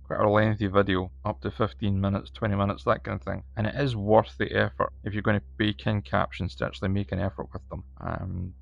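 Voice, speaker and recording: A man with a broad Scottish accent talks through a casual tutorial. His voice sits fairly low and is full of gravelly creak. It is recorded in an echoey room. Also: fairly bright tone. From Scotland. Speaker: tutorial host. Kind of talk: casual step-by-step video tutorial narration. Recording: echoey room, slightly dull sound.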